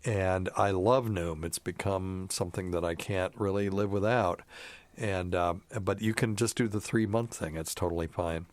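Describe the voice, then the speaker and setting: A middle-aged man with a lowish voice hosts a medical podcast, drifting through plugs and jokes with plenty of ums and uhs. His voice sits close and dry on a studio mic, with no room sound around it. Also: steady tone, normal speed, dry recording. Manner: rambling, jokey, many fillers. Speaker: podcast host, doctor. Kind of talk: casual chat and ad reads.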